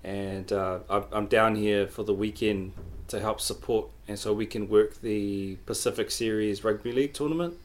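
A man's voice: lowish voice, steady tone, moderate pace, hardly any pauses. A man chats as an interview guest, explaining his work in an easygoing, hesitant way. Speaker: guest, public health worker. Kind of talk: casual interview conversation.

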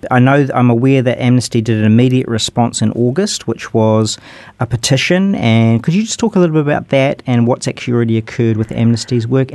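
Male interviewer with New Zealand accent. Medium pitch, dry recording, wordy and appreciative delivery. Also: a little mellow, no room sound. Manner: rambling, repetitive, appreciative. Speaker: radio show host. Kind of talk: conversational interview.

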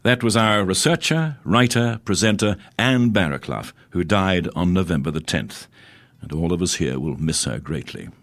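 A man's voice: low voice, expressive, moderate pace, fairly bright tone, no echo. A man, hosting a heritage radio show and introducing segments in a solemn scripted read.

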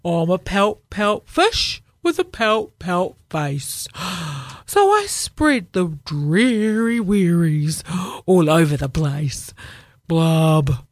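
A woman's voice: fairly low pitch, sing-song, very slow, no echo, clean studio sound, exaggerated voice. A woman doing a glum, pouting fish. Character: glum gloomy male fish with a pout.

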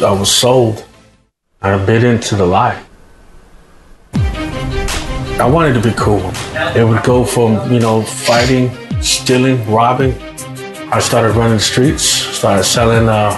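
Candid man telling his story over guitar. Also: fairly low pitch. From Samoan, raised in California. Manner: candid, conversational, with frequent "you know". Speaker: guest giving a personal testimony. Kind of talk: recorded personal testimony. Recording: roomy sound with guitar music behind.

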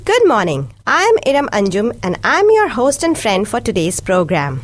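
Lively Indian-born woman radio host. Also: mid-range voice, normal speed. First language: Hindi and Urdu. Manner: friendly, lively and welcoming. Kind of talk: community radio interview. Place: radio studio.

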